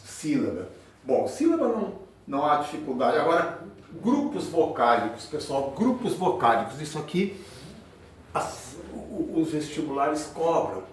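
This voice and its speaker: A man teaching a grammar lesson at a board, speaking slowly and repeating each example word. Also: a little high, very animated, far from the mic, slight background noise. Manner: slow, drawn-out, repeats example words. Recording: very echoey room, voice from afar.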